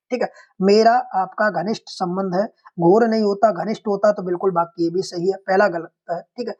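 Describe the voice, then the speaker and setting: Exam-prep tutor, mid-pitched voice, methodical and repetitive, talks straight to viewers as friends. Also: a little mellow, highs cut off. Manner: explains step by step, often repeats "theek hai" and addresses viewers as friends. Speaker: Hindi exam-prep teacher. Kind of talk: online exam-prep lesson.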